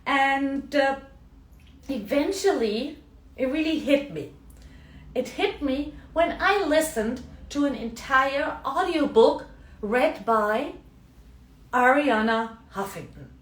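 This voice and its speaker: A middle-aged German woman with a German accent, working as a coach, chats in a live video and keeps adding "yeah?" and "right?" to her sentences. Her voice is high and expressive, and she takes her time. The sound is roomy, with the mic set at a distance.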